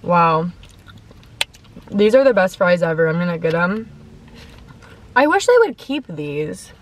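Parked in a car in a parking lot, a young mukbang vlogger tells a story between bites of food, chatty and peppering her talk with "like." Her low-leaning voice is sing-song and measured, with slight background noise.

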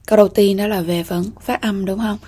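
A woman teacher with a Vietnamese accent, going slowly and methodically through an exam-prep lesson, repeating key words and checking in with "ok ha". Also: medium pitch, fairly even intonation, warm tone, breathy edge. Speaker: English teacher.

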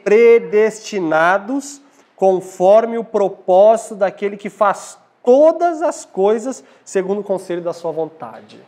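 At a lectern in a small church hall, a young Brazilian man lectures at a church congress, delivering a Bible teaching sermon that includes scripture reading. His voice sits high, animated and darkish in tone, and he teaches didactically, stopping to pose questions to the audience. A lapel mic picks him up.

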